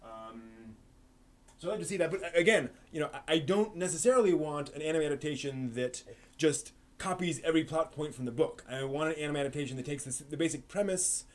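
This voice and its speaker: This stream host has a fairly high voice and a quick pace, chatting loosely and fielding questions from chat. He rambles, restarting sentences and filling gaps with fillers.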